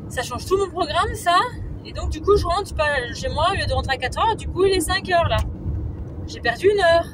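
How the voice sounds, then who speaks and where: A woman's voice: very high-pitched, lively intonation, normal speed, noisy background. A woman vlogging outdoors, exasperated and ranting with hesitations. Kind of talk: casual vlog. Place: outdoors, parking lot and hospital grounds.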